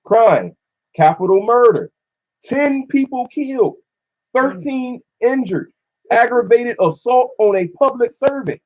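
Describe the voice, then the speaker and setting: A man reads out case details and comments on them in casual slang. His voice is husky and sits at a middle pitch. The recording is dull and muffled. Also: expressive, unhurried. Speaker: discussion participant. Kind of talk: casual religious discussion.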